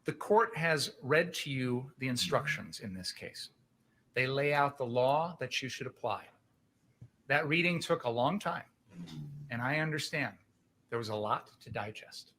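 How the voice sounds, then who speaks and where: A man's voice: medium pitch, lively intonation, measured pace, pushed and bright, slight background noise. A man speaking as a prosecutor, giving a passionate, emphatic closing argument to a jury, using pointed rhetorical questions and repetition.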